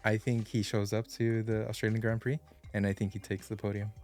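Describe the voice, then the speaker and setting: A man's voice: lowish voice, level tone, a little fast, a little mellow, faint music behind. A man co-hosting a podcast, chatting casually and joking with his co-host. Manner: laid-back, joking, teasing. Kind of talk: casual chat.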